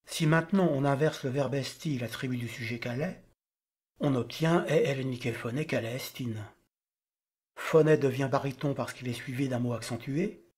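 A man giving a scripted lesson, explaining grammar in a measured, didactic way. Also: mid-range voice, a little mellow. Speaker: teacher.

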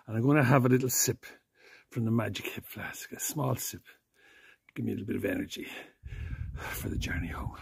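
Gravelly fisherman, echoey and distant. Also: medium pitch, fairly quick, long pauses. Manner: cheerful and chatty, laughs often. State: tired. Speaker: fishing vlogger. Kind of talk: casual chat to camera.

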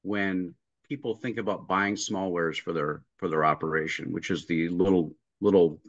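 With a low-pitched, steady voice at a moderate pace, a middle-aged man tells stories from his work as a restaurant consultant. He is a guest in a casual video-call interview, explaining step by step, acting out what people said, and restarting a lot. He sits in a room at home with a painting behind him, and the audio is dry and muffled without echo.

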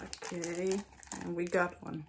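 A woman in her thirties with a low-leaning voice and flat delivery talks slowly to camera, hosting a candy challenge vlog from a small room at home. There's noticeable background noise during her casual solo chat.

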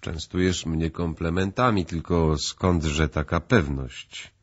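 A man reading the lines of a cool, composed host who asks pointed questions with icy calm. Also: rumbling low, moderate pace, breathy edge, lo-fi sound, full character voice. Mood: coolly calm. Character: cool composed male host, calmly probing.

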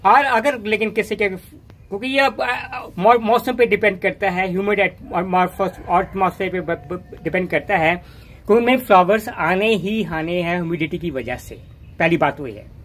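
A man's voice: high voice, moderate pace, fairly bright tone. A man hosting a gardening channel, walking through his rooftop garden outdoors and talking casually into a handheld phone, rambling and often restarting his words.

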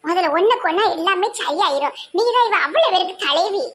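A woman's voice: very high voice, expressive, brisk, a bit bright. A woman with a Tirunelveli Tamil accent, playing a complaining, pleading villager in a comedy sketch.

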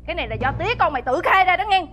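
An actress playing a jealous, scheming young daughter-in-law who pleads tearfully, faint music behind. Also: female voice, very high voice, lively intonation, very fast, a bit bright. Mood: accusing.

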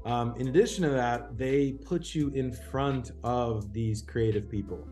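A man's voice: medium pitch, measured pace, a little mellow, faint music behind. A man hosting, talking casually with frequent fillers and "right?" asides. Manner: chatty with frequent ums and rhetorical "right?". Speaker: host and program alumnus. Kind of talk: casual talk.

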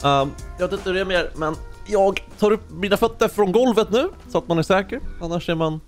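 A young man giving casual let's-play commentary, chatty and slangy, telling stories excitably while he plays. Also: sits high, faint music behind. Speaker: gaming YouTuber.

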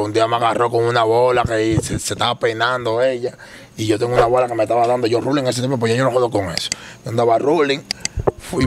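Fast-talking man telling stories. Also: medium pitch. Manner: rapid, rambling storytelling with slang. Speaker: interview guest. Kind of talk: casual street slang interview.

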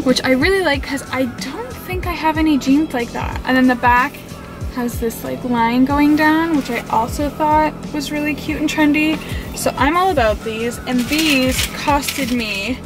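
A young woman in her twenties chatting casually about a shopping haul from inside a parked car. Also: high voice. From Canada. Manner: chatty and upbeat, often says "like". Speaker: fashion vlogger. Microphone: camera on the dashboard.

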